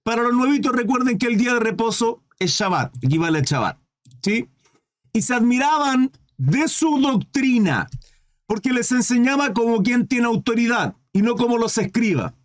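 A man's voice: very high voice, lively intonation, a little fast. A man preaching in a livestreamed Bible study, reading scripture aloud, then commenting with rhetorical questions and asides to viewers. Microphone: livestream microphone.

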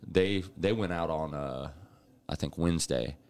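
A man co-hosting a podcast, telling animated stories in casual chat and laughing often. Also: rumbling low, measured pace, noisy background. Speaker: podcast co-host.

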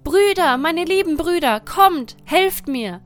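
A woman's voice: on the high side, animated, moderate pace, close to an everyday voice. A woman voicing a frightened young wife who pleads and cries out for help in a fairy tale reading. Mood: desperate. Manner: pleading, crying out desperately.

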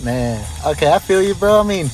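A young man in his mid-twenties jokes around on a podcast, his voice sitting a bit high. His banter is crude and teasing. Faint music plays underneath. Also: animated, brisk, darkish tone. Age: 20s. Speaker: podcast co-host. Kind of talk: casual chat.

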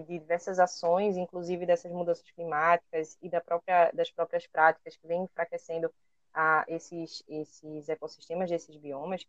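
Lower-pitched Brazilian woman, dull dry recording. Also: a bit bright, no echo. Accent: Brazilian Portuguese. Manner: hesitant, searching for words while explaining. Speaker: co-host. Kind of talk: educational podcast discussion.

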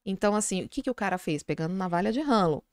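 A middle-aged woman, a psychologist guest on a podcast, telling an anecdote in a lively, casual way. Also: mid-range voice, quick pace, no echo, clean studio sound. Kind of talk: casual storytelling in a podcast interview.

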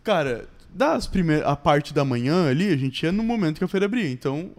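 Casting: Brazilian male, higher-pitched, very lively intonation, slangy conversational storyteller who acts out dialogue. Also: brisk. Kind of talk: casual chat.

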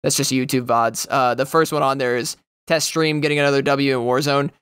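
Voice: mid-range voice, fairly even intonation, brisk, clean tone, no echo. A young adult podcast co-host chatting casually, rambling and swearing often. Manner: rambling, swears a lot, breaks into loud goofy impressions. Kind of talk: casual chat.

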